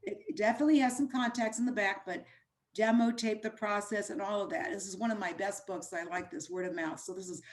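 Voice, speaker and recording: A woman who teaches voice-over chats easily as a guest on a video call, speaking at medium pitch and a fairly quick pace. Her phrases are loose and tend to trail off in this casual interview.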